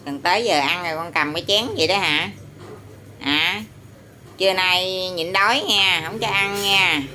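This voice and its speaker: A woman's voice: lowish voice, unhurried, sharp tone, a little hiss or hum. A woman with a Southern Vietnamese accent talking to her pet parrot, teasing it and asking it questions over and over. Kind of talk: casual talk to a pet.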